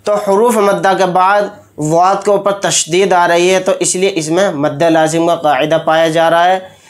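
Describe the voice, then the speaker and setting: A man teaching Quran recitation rules, explaining each sound slowly and deliberately, then chanting the verses in long drawn-out tones. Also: high voice, fairly even intonation. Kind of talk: tajweed lesson. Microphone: close mic, speaking while pointing with a pen.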